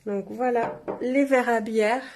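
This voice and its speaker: A woman's voice: on the high side, steady tone, slow, a little hiss or hum. A woman chatting casually to viewers as she shows off engraved glasses. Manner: chatty, warm asides to viewers. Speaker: shop presenter. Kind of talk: casual product showcase.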